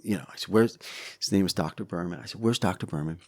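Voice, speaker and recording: Man, middle-aged, low voice, animated storyteller, acts out quotes, swears a lot, podcast guest. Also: fast. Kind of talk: casual storytelling interview.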